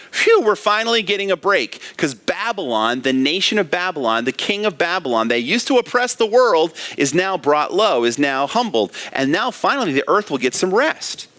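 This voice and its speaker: A man's voice: a little high, fairly bright tone. A man preaching an expository sermon as pastor, asking rhetorical questions and reading scripture with emphasis. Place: church.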